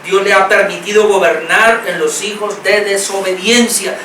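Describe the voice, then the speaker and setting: A man's voice: high voice, steady tone, moderate pace, sharp tone, slight background noise. A Colombian man preaching a sermon as pastor, earnest and repetitive, reading scripture aloud and stressing key words. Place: church hall. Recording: echoey hall, mic at a distance.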